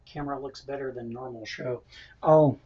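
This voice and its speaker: A man's voice: mid-range voice, steady tone, moderate pace, warm tone, slightly rough. A man hosting a casual cooking livestream from his home kitchen, chatting and reading out viewer comments as he eats. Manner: chatty, reads out viewer comments, laughs often. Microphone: built-in camera microphone. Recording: dull lo-fi camera mic audio.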